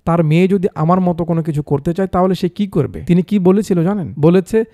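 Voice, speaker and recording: A man's voice: high voice, fairly quick, dark tone, no room sound, studio quality. A man voicing a spirited, blunt young woman who teaches DJing, in a raised, emphatic voice. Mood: indignant.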